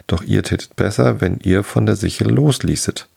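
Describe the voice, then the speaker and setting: A man's voice: fairly low pitch, moderate pace, vocal fry, darkish tone, slightly rough, full character voice. A man voicing the small, spiteful man in the moon in a folk tale, curt and stubbornly formal.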